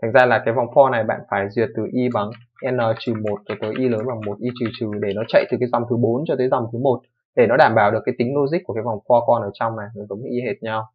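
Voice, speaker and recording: Fast-talking male coding teacher. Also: medium pitch, fairly even intonation, breathy edge. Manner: fast, informal explaining with frequent "đúng không" checks and self-corrections. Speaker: programming teacher. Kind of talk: screen-recorded coding tutorial. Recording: dull lo-fi microphone.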